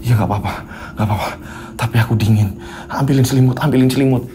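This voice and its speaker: Frightened young husband put on by the storyteller, pleading then drained, lower and duller in the quiet scenes. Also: male voice, fast talker, noisy background, natural voice. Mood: weary. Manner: pleading, then weak and muttering.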